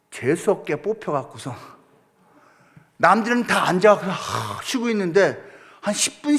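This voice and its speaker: A middle-aged man preaching a sermon, telling a story with lively acted-out quotes. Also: extremely high pitch. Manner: animated storytelling, acting out prayers and quotes. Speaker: pastor.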